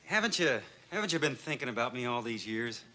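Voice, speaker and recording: A man's voice: medium pitch, sing-song, close to an everyday voice. An actor playing a smug, smarmy womanizing old school friend, on a noisy old TV soundtrack. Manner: smooth, slow, smarmy.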